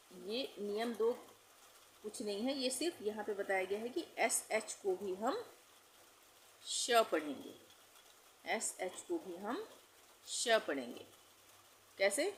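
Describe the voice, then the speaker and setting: A woman's voice: medium pitch, slight background noise, poor audio. A woman teaching English pronunciation in Hindi, patiently repeating each rule and spelling words out letter by letter. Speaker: language teacher.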